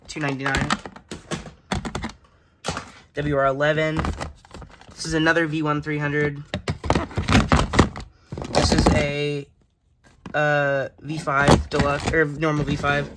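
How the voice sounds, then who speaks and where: A young man, a hobbyist collector, gives an unscripted show-and-tell tour, listing items in a halting, matter-of-fact way, his voice a little high. He handles plastic bins indoors in a room, filmed on a handheld phone camera, and the recording is noisy with clattering.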